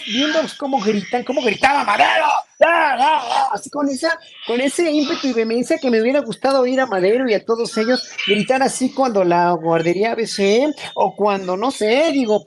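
A man's voice: high-pitched, slight background noise. A Mexican man on a panel, talking in an indignant, rambling way with many restarts. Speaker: regular panelist. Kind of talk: animated panel commentary.

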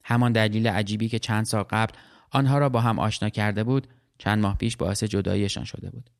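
A man reading a literary short story aloud as narrator, in a calm, measured, reflective way. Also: fairly low pitch, vocal fry.

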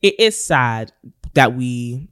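A man with a medium-pitched voice and a London accent co-hosts a podcast in a dry-sounding recording. He talks in casual chat, using urban London slang. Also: sing-song, takes it slowly, fairly bright tone, clear, resonant tone, no room sound. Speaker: podcast co-host.

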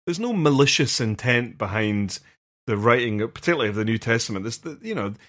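An earnest man talks through ideas at length in a casual podcast discussion. His voice sits at an ordinary middle pitch. He halts, restarts and fills gaps as he thinks aloud. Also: animated, fairly quick, a bit bright. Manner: earnest, explains at length with many fillers and restarts. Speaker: podcast co-host, vicar.

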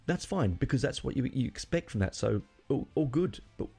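A man's voice: mid-range voice, lively intonation, fairly quick, creaky, dark tone, slightly rough, soft background music. A middle-aged man hosting a podcast, talking alone in a rambling, opinionated way and often correcting himself mid-sentence. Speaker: podcast host. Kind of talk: casual solo monologue.

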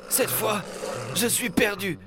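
A man's voice: high voice, takes it slowly, a crowd in the background. A man playing a humble, fearful woodcutter in a children's storybook recording. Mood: alarmed. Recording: music playing underneath.

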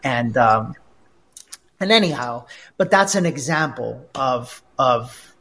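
Husky-voiced man telling relationship stories. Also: mid-range voice, slow pace. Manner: animated, repeats words while telling anecdotes. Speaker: life coach guest. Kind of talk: conversational interview storytelling.

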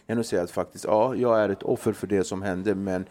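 A man's voice: on the low side, fairly even intonation, warm tone. A man leads a casual podcast conversation. He speaks thoughtfully and encouragingly, often searching for words with small fillers. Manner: reflective, encouraging, with many fillers. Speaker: podcast host.

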